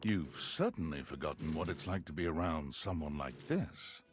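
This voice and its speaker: A wry game narrator with a deep voice and wide, dramatic inflection. He delivers measured storytelling over prominent music. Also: expressive.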